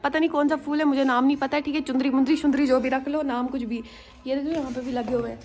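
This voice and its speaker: A woman vlogger from Jammu and Kashmir with a high voice. She talks to her viewers in a loose, chatty way and keeps calling them "guys". She records herself outdoors on a handheld phone. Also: fairly even intonation, fast talker, darkish tone, slight background noise. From Jammu and Kashmir, India. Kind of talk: casual vlog storytelling to viewers. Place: outdoors on a rooftop and at a school ground.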